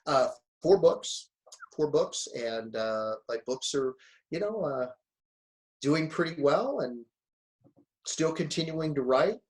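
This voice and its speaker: A man of around sixty, a guest speaker and author, talking in a relaxed, reflective way and telling stories with frequent chuckles. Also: fairly high pitch, takes it slowly, pauses often. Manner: reflective, storytelling, chuckles often. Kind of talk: relaxed conversational interview.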